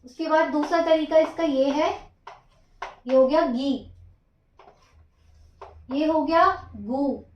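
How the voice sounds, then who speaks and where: Woman teacher, high voice, slow stroke counting, echoey dull recording. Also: slight background noise. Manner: counts strokes aloud slowly, patient. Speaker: Japanese teacher. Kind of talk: slow stroke-by-stroke writing lesson.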